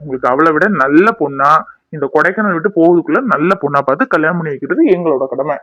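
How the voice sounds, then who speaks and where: A man's voice: on the high side, fast, no room sound, dull audio, close to an everyday voice. A man voicing a friendly young husband in a cartoon who teases and reassures a friend. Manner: teasing, reassuring.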